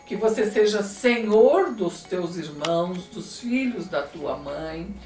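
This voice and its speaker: A woman as a slow, solemn old father. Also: fairly low pitch, expressive, darkish tone, reverberant, recorded from a distance.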